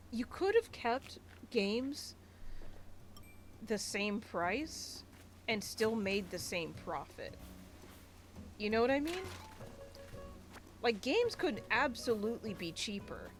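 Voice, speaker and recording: A woman streamer rants in a casual, rambling way while she plays, piling on filler words and restarting her sentences. Her voice sits at an ordinary middle pitch for a woman. Soft game music plays quietly underneath. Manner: rambling, ranty, many filler likes. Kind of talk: casual gaming livestream commentary.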